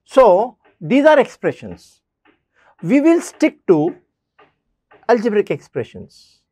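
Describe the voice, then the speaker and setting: A man's voice: sits high, huge pitch swings, slow, dark tone, no room sound. A man teaching a basic math lesson. He addresses students directly and repeats key points.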